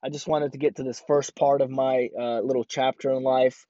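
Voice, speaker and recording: A man's voice: medium pitch, flat delivery, normal speed, mellow, dry recording, muffled recording. A young man born in Ukraine, hosting a podcast and telling a personal story with many fillers and restarts. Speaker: podcast host.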